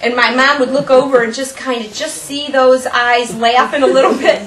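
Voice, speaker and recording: A woman, the officer's sister and a teacher, tells lively family stories, laughing and acting out quotes. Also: sits high, normal speed. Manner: animated, laughing storytelling with acted quotes. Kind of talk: family remembrance interview. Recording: roomy, distant mic with people murmuring.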